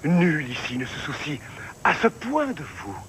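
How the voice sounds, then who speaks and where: An actor playing a self-righteous, domineering cult leader with a preachy, commanding manner in a film. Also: male voice, a little high, huge pitch swings, unhurried, a bit bright, exaggerated voice, rough recording. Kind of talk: French film dialogue. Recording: film soundtrack with faint noise.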